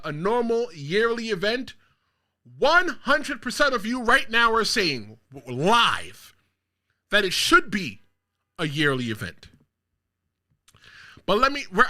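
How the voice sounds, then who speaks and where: Speaking right to his audience, a Bronx, New York man hosts a solo show of wrestling commentary. He drives his hot takes home with emphasis in a high, piercingly bright voice full of wide pitch swings.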